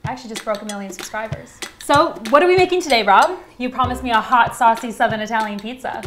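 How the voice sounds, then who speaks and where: A woman's voice: a little high, fast. A young woman co-hosting a comedic cooking show in a home kitchen, giving instructions in a polished presenter manner. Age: young adult. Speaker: co-host.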